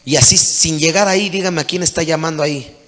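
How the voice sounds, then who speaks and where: Bright-voiced preacher in echoing hall. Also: male voice, on the high side, fairly quick. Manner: preaching with rising intensity, calling out to congregation. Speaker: pastor. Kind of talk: sermon. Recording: long hall reverb.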